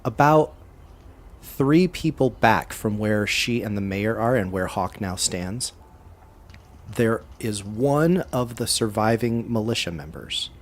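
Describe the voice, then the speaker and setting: A man's voice: fairly low pitch, lively intonation, slow pace. A man narrating as game master of a tabletop game, descriptive and hesitant, with frequent fillers.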